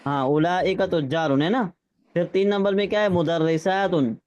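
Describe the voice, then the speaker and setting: Brief: male Arabic teacher, high voice, patient, slightly dull lo-fi audio. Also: a little mellow, slight background noise. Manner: patient, checks understanding, reads Arabic phrases slowly. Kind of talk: classroom lesson with drills.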